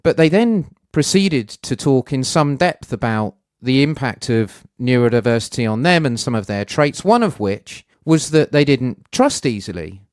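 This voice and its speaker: A man's voice: mid-range voice, sing-song, moderate pace, few pauses, no room sound, studio quality. A middle-aged man hosting a podcast, talking in a thoughtful, conversational way with hedging asides. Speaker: podcast host. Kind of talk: reflective personal podcast monologue.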